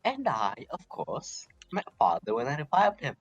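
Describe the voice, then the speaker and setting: A man's voice: medium pitch, wildly swooping pitch, normal speed, husky, no room sound, highs cut off, faint music behind, exaggerated voice. A man voicing a smug, taunting aristocratic anime character with theatrical, condescending sweetness, in an amateur visual novel role-play.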